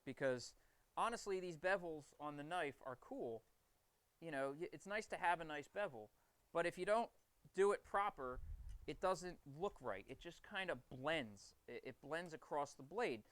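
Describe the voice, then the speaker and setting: Guy streaming from his basement forge, talks a lot while he grinds a blade, bright forceful voice, kinda high. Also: expressive, normal speed, no room sound. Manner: enthusiastic, rambling explanations. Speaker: streamer and knifemaker. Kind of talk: casual livestream talk while working.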